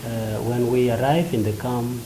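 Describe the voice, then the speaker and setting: A man from South Sudan interpreting an interview in the first person, speaking in halting short phrases with many fillers. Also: medium pitch, fairly even intonation. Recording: roomy echo with ambient noise.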